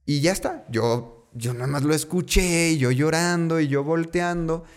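A man's voice: a little high, moderate pace. A man from Mexico with a Mexican accent, telling a personal story in a casual, conversational way, repeating words for emphasis and dropping slangy asides.

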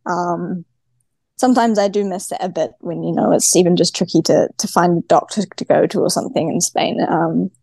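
A woman's voice: on the low side, fairly even intonation, fairly quick, creaky, dark tone, slightly rough, dry recording. A woman with a broad New Zealand accent, chatting casually as a guest athlete in a podcast interview. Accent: broad New Zealand (Kiwi). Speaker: guest, professional cyclist.

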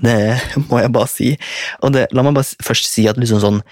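A man's voice: mid-range voice, steady tone, no echo. A young man casually telling a story in a rambling way. He swears often and laughs as he goes.

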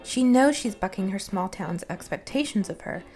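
A woman reading scripted narration for a film history essay in an articulate, measured way. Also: mid-range voice, animated, darkish tone. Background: music under the voice.

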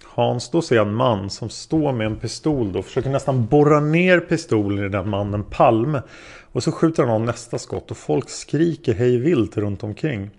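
A man reading the lines of a hesitant male taxi driver being questioned as a witness, in a plain, halting way. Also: mid-range voice, animated, creaky, darkish tone. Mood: unsure. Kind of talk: read-aloud interrogation transcript.

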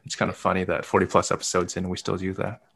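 Male co-host for casual chat show, lowish pitch with a bright, forceful tone. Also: monotone, quick pace, gravelly. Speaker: podcast co-host, actor.

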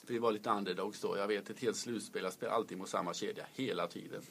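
A man's voice: lowish voice, fairly even intonation, fairly bright tone, a little hiss or hum. A man who used to coach, reflecting on his matches and explaining tactics at length. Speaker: podcast co-host, former coach. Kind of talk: casual chat.

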